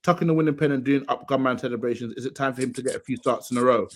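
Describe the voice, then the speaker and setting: A man's voice: medium pitch, rapid-fire. A young man hosting a football podcast, casually reading out listener questions and joking with his co-hosts. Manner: laid-back, reads out questions then jokes around. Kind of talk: casual chat.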